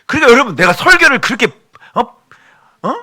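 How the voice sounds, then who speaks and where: A male pastor giving a sermon in an animated way, with joking asides to his congregation. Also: extremely high pitch, quick pace.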